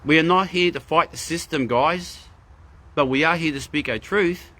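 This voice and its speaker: A man's voice: a little high, moderate pace, sharp tone. Earnest man giving spiritual talk. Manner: earnest, emphatic, repeats phrases for effect. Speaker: spiritual livestream host. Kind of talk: live-streamed spiritual talk, answering chat.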